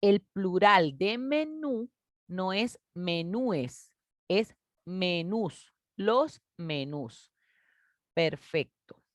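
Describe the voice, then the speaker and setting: A woman teacher, patiently explaining a grade-school grammar lesson and stretching out example words slowly. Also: mid-range voice, lively intonation, dry recording, muffled recording. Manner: patient, explanatory, addresses children warmly as "mis niños".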